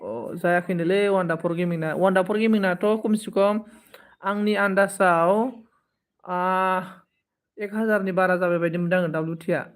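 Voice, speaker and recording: A man's voice: high voice, fairly even intonation, moderate pace. A man in his twenties hosting a live stream, casually thanking viewers by name and consoling them. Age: 20s. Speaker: livestream host.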